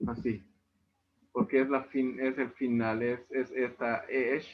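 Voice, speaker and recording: Teaching a language lesson by video call, a man with a Yucatecan Spanish accent explains things patiently at a slow pace. His medium-pitched voice barely moves in pitch, and the tinny audio carries a little hiss or hum.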